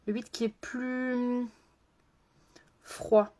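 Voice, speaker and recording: A woman's voice: a little high, little pitch movement, very slow, a little mellow. Chatty French-speaking woman doing makeup live. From France. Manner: chatty, laughs often, answers viewers by name. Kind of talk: casual live-stream chat while doing makeup.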